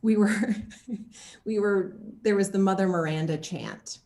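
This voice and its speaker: A woman with a medium-pitched voice speaks a little slowly as an actor being interviewed, chatting casually. She tells stories in an animated, expressive way, acting out other people's words as she goes. The room is echoey.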